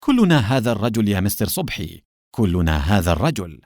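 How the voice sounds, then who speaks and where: A man doing a sly, smug gentleman from an audiobook, coldly polite and smooth. His voice sits low and moves lively up and down. The sound is dry and close. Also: brisk, no echo. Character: smug, sly older male collector and official.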